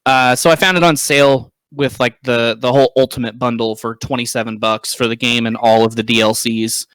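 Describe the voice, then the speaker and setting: A man's voice: mid-range voice, steady tone, a little fast, a bit bright, smooth, dry recording, low-quality recording. A man in casual gaming chat as a livestream panelist, informal and amused at himself.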